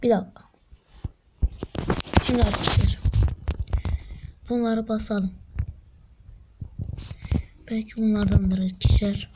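A woman giving excited gameplay commentary, getting frustrated, counting rolls aloud and swinging between whispers and shrieks. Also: mid-range voice, takes it slowly, long pauses, heavy background noise. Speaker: gaming video creator. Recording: dull lo-fi sound.

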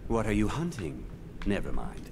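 A man's voice: on the low side, sing-song, moderate pace, creaky, a little mellow, a little hiss or hum. An actor voicing a wary male shopkeeper in a video game, dry and dismissive.

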